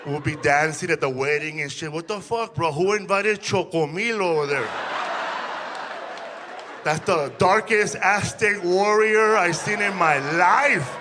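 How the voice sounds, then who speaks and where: A man's voice: high-pitched, measured pace. A male comedian doing a crude stand-up bit and laughing through his jokes, in a noisy live recording.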